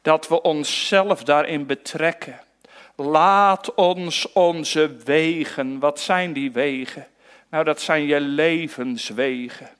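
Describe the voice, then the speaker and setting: A man preaching a sermon to his congregation in a church, slow and earnest, asking many rhetorical questions. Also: on the high side, fairly bright tone. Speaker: pastor.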